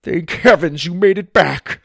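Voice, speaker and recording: A man's voice: medium pitch, wildly swooping pitch, slow, gravelly, no echo, studio quality, exaggerated voice. A man voicing a kindly, wry grandfather over 60.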